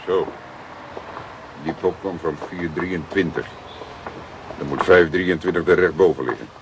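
Calm and intent, a middle-aged detective in a radio crime drama talks in a low, courteous, measured way. Noise and clicks are clearly present in the recording.

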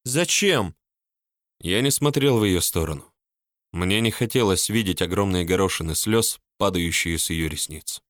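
A man reading a first-person story as an audiobook narrator, calm and steady. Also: low-pitched, moderate pace, no echo, studio quality.

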